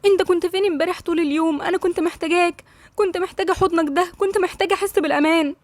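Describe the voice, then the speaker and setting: A woman's voice: high voice, quick pace, darkish tone, no echo, natural voice. A woman with an Egyptian accent voicing a shaken young wife. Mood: tearful. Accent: Egyptian Arabic. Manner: pleading, emotional.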